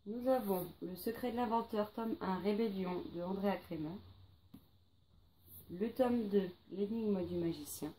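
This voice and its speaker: A woman's voice: medium pitch, unhurried, mellow, slight background noise. A woman presenting her pile of books to read in a casual vlog, listing titles with many hesitations and fillers. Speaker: book vlogger.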